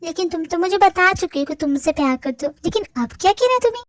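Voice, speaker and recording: A woman voicing a lively young heroine who talks dramatically and to herself in a fan dub. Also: very high-pitched, fast, a little hiss or hum. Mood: pleading. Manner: chatty, dramatic, self-talking. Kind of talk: Hindi fan dub, one reader voicing all.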